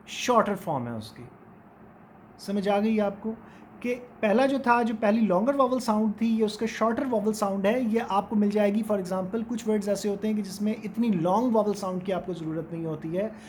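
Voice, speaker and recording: Slow guy teaching english vowels, says every sound over and over, bit of faint hiss behind. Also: sits high, a little mellow. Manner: slow, repeats sounds and words aloud to demonstrate them. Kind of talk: recorded phonetics lecture.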